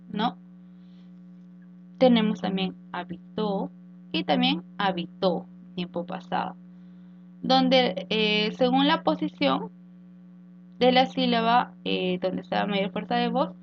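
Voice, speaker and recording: Gravelly-voiced woman teaching a lesson. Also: on the high side. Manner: explains slowly with rhetorical questions and fillers. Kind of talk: recorded grammar lesson. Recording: dull lo-fi with mains hum.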